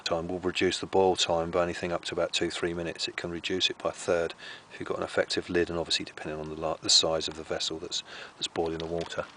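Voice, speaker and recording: A man's voice: deep voice, a bit bright, a little hiss or hum. A man chatting casually while cooking on a small stove under a tarp in rainy woods at night, rambling cheerfully. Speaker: outdoor cooking vlogger. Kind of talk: casual camp cooking commentary.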